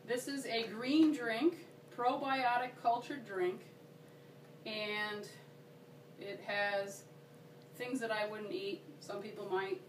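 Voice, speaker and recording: A woman with a medium-pitched, steady voice leads a casual, enthusiastic workshop demonstration, speaking slowly, chatting and checking in with her listeners. The recording is roomy, distant and noisy, made in a workshop room.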